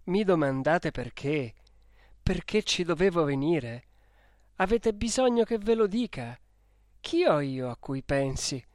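A man's voice: on the high side, animated, a little slow, dry recording, clean studio sound. A man reading an audiobook who voices a passionate, desperate young man pressing his beloved with questions. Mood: passionate reproach. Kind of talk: audiobook character voice.

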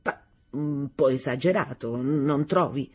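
A woman voicing a gallant male singing teacher who coaxes his pupils with fervour, her voice breathy. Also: very deep voice, a little slow, mellow, voice pushed down, full character voice. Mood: coaxing. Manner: fervent, coaxing.

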